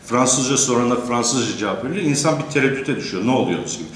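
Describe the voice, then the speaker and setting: A man giving a courteous academic lecture, pausing often with drawn-out fillers and addressing the teachers in his audience. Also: mid-range voice, lively intonation. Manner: hesitant, many drawn-out fillers. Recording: echoey lecture room.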